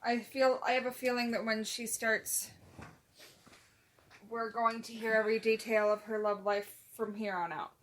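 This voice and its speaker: Teasing, higher-voiced woman chatting. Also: little pitch movement, normal speed, slight background noise. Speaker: podcast co-host. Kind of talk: casual chat.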